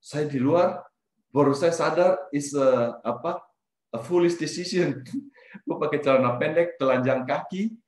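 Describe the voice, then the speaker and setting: A middle-aged man from Indonesia telling a personal life story in an animated, casual way, slipping in English phrases. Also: on the high side, measured pace. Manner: animated, mixes in English phrases, trails off and restarts. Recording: roomy echo.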